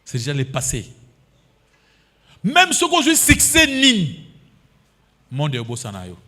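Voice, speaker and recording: A man's voice: a little high, wildly swooping pitch, unhurried, pushed and bright. A pastor in his fifties with a Congolese French accent, preaching a sermon that he punctuates with alleluias and amens and mixes with Lingala. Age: 50s.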